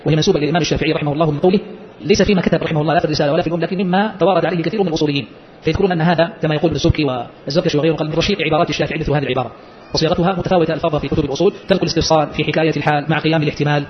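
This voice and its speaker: A man teaching Islamic legal theory, explaining a text and quizzing his listeners with quick rhetorical questions. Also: a little high, muffled recording, slight background noise.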